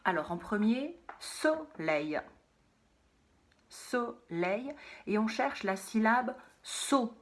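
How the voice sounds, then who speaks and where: Slow-talking woman teaching young kids. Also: a little high, expressive. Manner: slow, carefully repeated words, sometimes whispered. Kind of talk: phonics lesson for young children.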